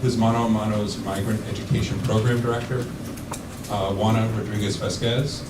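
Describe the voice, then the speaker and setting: A man moderating a conference panel, speaking haltingly with many fillers. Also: fairly low pitch, flat delivery. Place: large conference room. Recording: echoey hall, distant mic, loud background noise.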